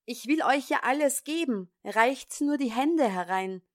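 A woman's voice: a little high, expressive, a little slow, voice pushed up. A woman voicing a tiny, cheeky thumb-sized boy in a storybook reading, pert and teasing. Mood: shouting. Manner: pert, teasing, loud shouting.

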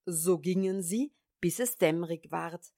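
Slow, calm woman reading a fairy tale. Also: fairly low pitch, dry recording, studio quality. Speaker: storyteller.

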